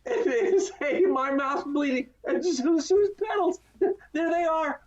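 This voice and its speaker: In an amateur radio play recorded over a video call, a woman plays George, a young family man who goes from desperate to joyful, and here he sounds overjoyed. Her delivery is emotional and exclamatory, with a very high voice, lively intonation, a slightly slow pace and a darkish tone. The audio is muffled.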